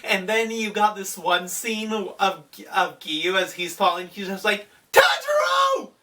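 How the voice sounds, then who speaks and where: A man's voice: high voice, fairly even intonation, unhurried, bright, forceful tone. A man giving an enthusiastic, rambling casual recap of an anime episode on his channel. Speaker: anime YouTuber. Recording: voice distant from the mic.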